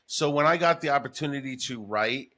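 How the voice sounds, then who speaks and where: Hosting a relaxed interview, a former morning radio voice talent turned podcaster from Denver in the US tells stories in an eager, wandering way. His mid-range voice is a bit bright and fairly quick.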